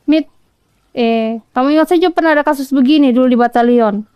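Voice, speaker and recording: A woman's voice: high voice, quick pace, warm tone, clear, resonant tone, dry recording. A woman from Kolaka with a Southeast Sulawesi Indonesian accent, a mother earnestly retelling events in detail during a podcast interview. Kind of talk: personal account in a podcast interview.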